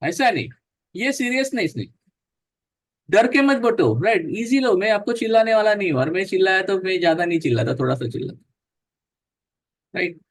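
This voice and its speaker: A man's voice: sits high, lively intonation, a little fast, long pauses. A man leading a guided breathing yoga class, counting breaths aloud, mixing Hindi and English, joking and encouraging.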